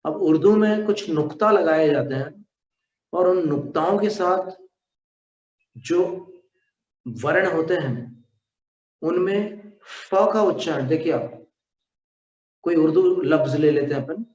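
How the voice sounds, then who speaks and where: A man teaching a slow lesson on pronunciation, demonstrating sounds syllable by syllable. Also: fairly high pitch, a little mellow. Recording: echoey room, dull lo-fi sound.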